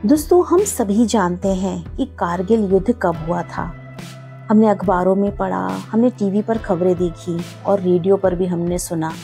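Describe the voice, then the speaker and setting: A woman reads a scripted travel voice-over in a formal, reverent manner. Her pitch sits in a middle range, and she keeps calling the viewers her friends. Soft music plays under her. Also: a little slow. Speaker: travel vlogger narrating.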